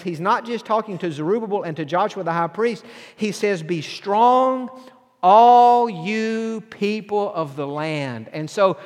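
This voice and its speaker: A man preaching a sermon as pastor, earnest and repeating phrases for emphasis. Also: high-pitched. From southern United States. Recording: long hall reverb.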